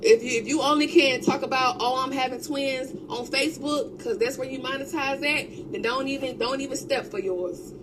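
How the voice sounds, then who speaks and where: A woman's voice: high-pitched, normal speed, hardly any pauses. A young woman in a heated, unscripted livestream rant, blunt and profane, hammering her points through repetition. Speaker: social media livestreamer. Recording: very noisy livestream audio.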